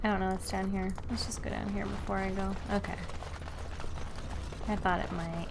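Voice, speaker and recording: A woman's voice: medium pitch, fairly even intonation, normal speed, noisy background. A woman streaming a game, chatting casually and apologizing for getting distracted. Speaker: gaming streamer. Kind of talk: casual let's-play chat. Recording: game music loud behind.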